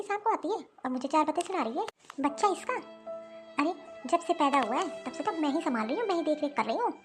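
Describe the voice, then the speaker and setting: Weary older mother-in-law, grumbling to herself, high voice. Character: tired older mother-in-law, overworked, self-pitying. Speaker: voice actor. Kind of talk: Hindi cartoon dialogue.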